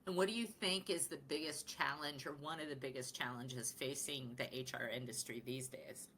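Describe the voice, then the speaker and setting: A woman's voice: extremely low pitch, normal speed, a bit bright, a little hiss or hum. A woman hosting a podcast interview, asking questions and affirming her guest. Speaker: podcast host. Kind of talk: conversational interview.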